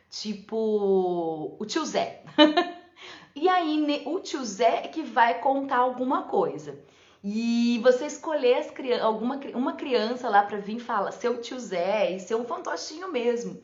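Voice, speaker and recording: A woman's voice: fairly high pitch, expressive, unhurried, darkish tone. A woman teacher giving a casual live talk on teaching for parents and teachers, chatty and often checking in with "né?". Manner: chatty, often adds "né?" and laughs. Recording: echoey room, slightly dull lo-fi sound.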